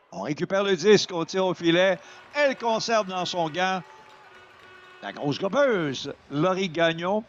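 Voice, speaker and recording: Man, Quebec French accent, fairly high voice, excited sports commentary, exclamatory play-by-play, muffled broadcast sound. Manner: exclaims over plays, voice surging at shots and goals.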